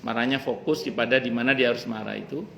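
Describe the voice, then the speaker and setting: A man's voice: medium pitch, fast talker, gravelly, a bit bright, a little hiss or hum. A male religious teacher giving a casual, joking study talk at a home gathering, sometimes reciting Arabic verses. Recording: roomy home recording with faint ambience.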